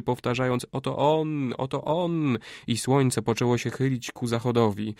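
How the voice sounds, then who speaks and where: A man narrating an audiobook in a measured, unhurried storytelling manner. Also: mid-range voice, a little mellow, no room sound, clean studio sound.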